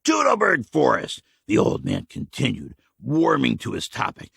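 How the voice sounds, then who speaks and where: A man narrating a survival story in an animated, dramatic reading. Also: on the low side, normal speed, vocal fry, husky, dry recording, studio quality.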